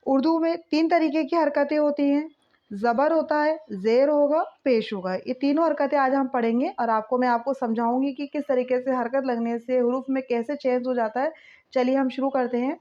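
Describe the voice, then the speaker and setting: A woman's voice: high-pitched, a little mellow, dull audio. A woman teaching an online language lesson, patiently drilling letters and sounds one by one. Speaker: Urdu teacher.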